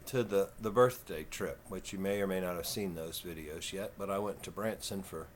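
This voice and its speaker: A man in his fifties with a Texan southern twang, talking slow and folksy in a rambling, casual vlog. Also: deep voice, slight background noise. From Texas. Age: 50s. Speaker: vlogger.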